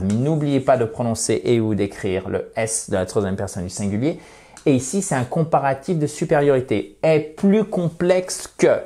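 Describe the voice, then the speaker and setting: Slow, patient male English teacher. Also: mid-range voice, darkish tone. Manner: patient, repeats words slowly, stresses English pronunciation. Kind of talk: vocabulary lesson in French with English examples.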